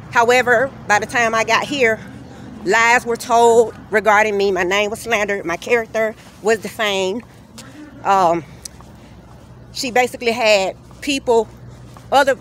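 A vlogger walks city streets filming on her phone, narrating a personal account in an earnest, steady way as she recounts her grievances. Her voice is mid-range, and faint outdoor street noise comes through the phone camera she holds while walking.

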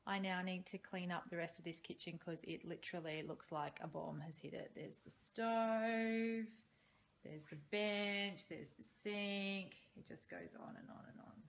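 A woman's voice: fairly low pitch, a little slow, gravelly. A woman in her thirties with an Australian accent, chatting casually through her meal prep in a home kitchen, recorded on a phone. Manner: chatty, upbeat, frequent ums. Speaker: vlogger. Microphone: phone camera held close.

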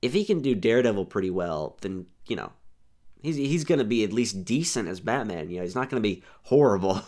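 A man's voice: lowish voice, animated, brisk, a little mellow. Rambling young man hosting a podcast. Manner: rambling, restarts often, says "here's the thing". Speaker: podcast host. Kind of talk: casual chat.

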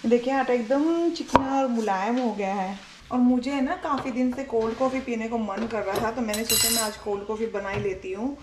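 A woman's voice: on the high side, brisk, very noisy. A young woman from India chattily explaining each step as she cooks in her home kitchen, talking to her viewers. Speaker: home cooking vlogger and mother. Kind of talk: casual cooking vlog narration to viewers. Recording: kitchen sizzle and stirring sounds.

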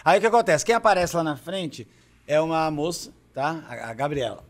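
A young man co-hosting a chat show, spinning an improvised story quickly and with animated voice changes. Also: a little high. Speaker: podcast co-host.

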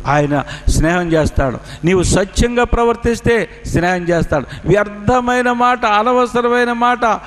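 A male preacher with a Telugu accent delivers a sermon in a high, ringing voice. His phrasing swells and drops with emphatic preaching cadence. The sound carries a long hall reverb. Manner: emphatic, rising and falling preaching cadence, addresses listeners as dear children.

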